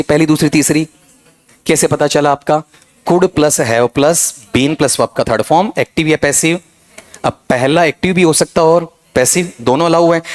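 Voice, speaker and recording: A man teaching an exam-prep English grammar lesson, calling students "beta" and firing questions he then answers himself. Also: on the high side. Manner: addresses students as "beta", quizzes with rapid questions and self-answers.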